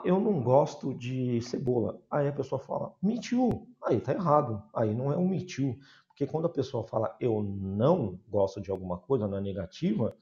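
Brazilian guy teaching english grammar online, mellow dark voice, keeps checking in with the class, kinda dull lo-fi audio. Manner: patient, repeats key words, checks in with "certo?" and "né?". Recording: dull low-fidelity sound.

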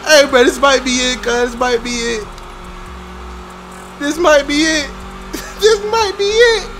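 A young man giving excitable, laugh-filled live commentary on his gameplay as a streamer, swearing often. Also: very high voice, slow, soft background music. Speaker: gaming streamer.

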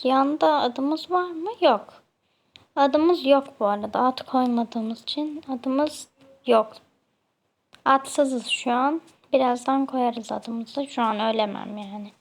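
A young Turkish woman talks through her gameplay in a casual, chatty way. She keeps nagging the other players with playful mock annoyance. Her voice sits high and has a gravelly edge. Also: takes it slowly. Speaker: gamer.

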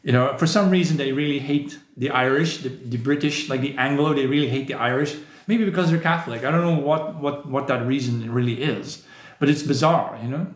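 A man's voice: mid-range voice, a little fast. Guy rambling on his stream, lots of "you know", kinda echoey room. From southern Netherlands. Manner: rambling, opinionated, many "you know" fillers. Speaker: live stream host. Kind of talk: casual live stream chat reading viewer comments.

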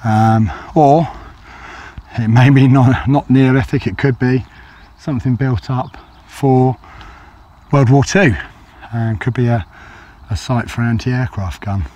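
Out on an open grassy hill, a walking vlogger talks to his handheld camera in a loose, hesitant way full of fillers. He speaks a little slowly with a mellow, slightly croaky medium-pitched voice and fairly even intonation.

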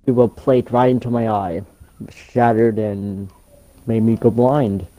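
A man playing a hesitant seventy-year-old retired explorer in an improvised game role-play, talking haltingly as an old man. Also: fairly low pitch, fairly even intonation, dark tone, no echo. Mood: hesitant, matter-of-fact.

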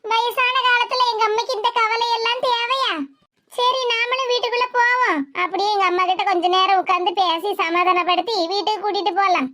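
A woman's voice: very high-pitched, fairly even intonation, fairly quick, bright, forceful tone. A woman voicing a dramatic, self-pitying grown daughter in a cartoon, with a Tirunelveli accent and a complaining manner. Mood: fretting. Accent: Tirunelveli Tamil. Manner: complaining, theatrical. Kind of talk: cartoon voice acting.

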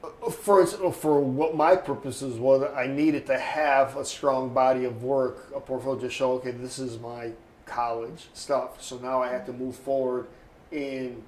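A man's voice: mid-range voice, fairly even intonation, unhurried. A man in his sixties telling stories in an oral history interview, rambling and acting out other people's voices. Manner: rambling storyteller, acts out quoted voices. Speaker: interviewee, photographer. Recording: echoey room, faint ambient noise.

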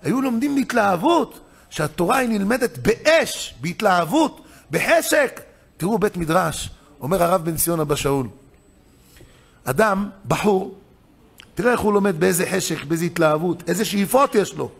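A rabbi giving a weekly Torah lesson tells stories animatedly, swinging between loud, excited emphasis and low, hushed asides. He acts out the voices of the people in his stories, and his voice is slightly rough with vocal fry.

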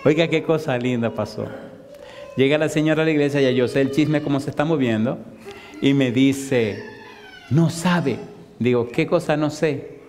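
A male pastor preaching a storytelling sermon, animatedly acting out the people he quotes. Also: measured pace. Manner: animated, acts out quoted voices with rising pitch. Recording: long hall reverb.

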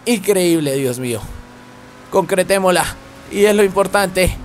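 A young man hosting his gaming channel, excitedly commentating an online car race and repeating his phrases. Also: high-pitched, a little slow, a little hiss or hum. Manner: excitable, repeats phrases, yelps when crashing. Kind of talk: excited racing game commentary.

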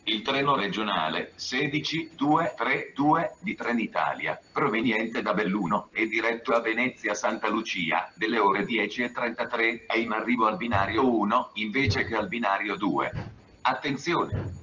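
A man reading a flat, formal railway station announcement in segmented phrases over an outdoor loudspeaker. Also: on the low side, moderate pace, muffled recording, a little hiss or hum. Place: outdoor railway platform, over public-address speakers.

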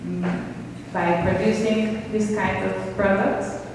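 A woman in her thirties giving a keynote talk and answering questions, speaking slowly and searching for words, with a handheld microphone in a large meeting room. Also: medium pitch, little pitch movement, darkish tone, a little hiss or hum. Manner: slow, hesitant, searching for words. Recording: echoey hall from far off.

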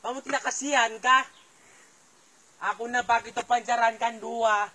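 A man's voice: extremely high pitch, fairly even intonation, moderate pace, pushed and bright. A man, up a tree outdoors, complaining and pleading on a phone call. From Filipino Suluk. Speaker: plantation worker on a phone call.

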